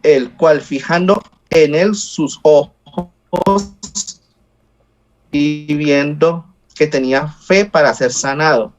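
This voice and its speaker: A man reading scripture aloud in a Bible study over a video call, slow and halting, with slips he corrects. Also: a little high, muffled recording.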